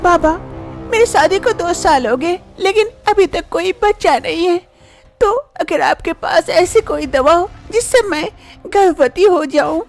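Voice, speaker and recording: A woman playing a high-voiced young daughter-in-law. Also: lively intonation, unhurried, soft background music, heavily acted. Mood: pleading. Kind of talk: animated drama voice acting.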